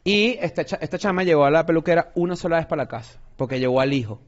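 Fast-talking man telling anecdotes. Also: a little high, animated, muffled recording. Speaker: podcast co-host. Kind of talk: casual chat.

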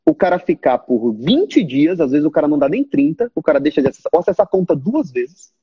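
Animated Brazilian man on a live stream. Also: a little high, fast, husky, highs cut off. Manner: animated, talks straight at viewers, mimics complaining students. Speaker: online course founder addressing subscribers.

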